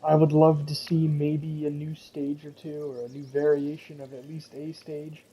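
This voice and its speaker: Young man, casual solo talk, frank and rambling, pitched a bit high, husky. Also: level tone, moderate pace, mellow, low-quality recording. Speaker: gaming commentator.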